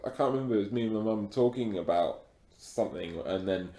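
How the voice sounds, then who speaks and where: A man's voice: lowish voice, fast, mellow, roomy sound. A man in his thirties with a received pronunciation English accent, chatting casually as a guest, hesitant with many fillers. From Buckinghamshire, England. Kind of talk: casual chat.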